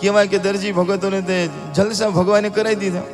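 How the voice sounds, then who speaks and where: A man telling a devotional story as a sermon, lively and theatrical, speaking directly to the audience. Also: sits high, a little fast. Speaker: religious storyteller. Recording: live talk with music behind.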